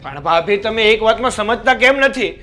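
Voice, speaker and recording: An actor playing an earnest young brother-in-law who tries to persuade his sister-in-law and gets loud. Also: high-pitched, animated, moderate pace. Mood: raised.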